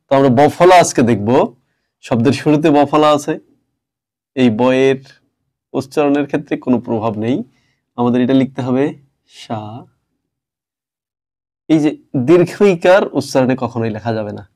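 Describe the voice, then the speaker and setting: A man's voice: mid-range voice, normal speed, long pauses, a little mellow. A male teacher giving a step-by-step grammar lesson, stopping often to ask his class questions.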